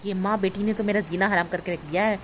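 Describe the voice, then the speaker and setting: A woman's voice: on the high side, expressive, a little fast, a little hiss or hum, close to an everyday voice. A woman playing a put-upon young daughter-in-law who mutters complaints in a family comedy skit. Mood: grumbling.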